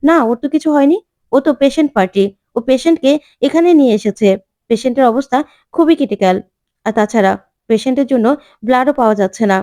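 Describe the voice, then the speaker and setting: A firm middle-aged woman doctor gives brisk, authoritative orders in a serial recap, voiced by a woman narrator. The voice is high and fast. The sound is dry. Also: warm tone, dry recording, lightly acted.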